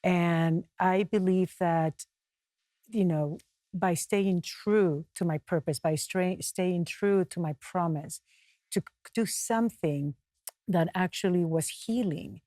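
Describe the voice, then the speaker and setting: Peruvian-born woman, earnest, reflective talk show guest, lower register. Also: mellow, no echo. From Peru. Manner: earnest, reflective, pausing to find words. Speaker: guest author and mountaineer.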